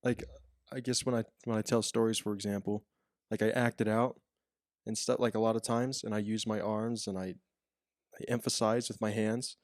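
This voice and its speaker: A young man with a low voice talks casually on a podcast. He often restarts his sentences and hedges with fillers. The recording is dry and close. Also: no echo. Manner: halting, self-interrupting, animated storyteller. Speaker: podcast co-host.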